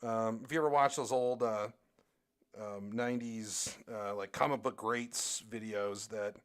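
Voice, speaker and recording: A man's voice: lowish voice, fairly even intonation, a little slow, clean tone. A young man chatting casually on a live stream while he draws, rambling with lots of fillers and restarts. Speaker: streamer and artist.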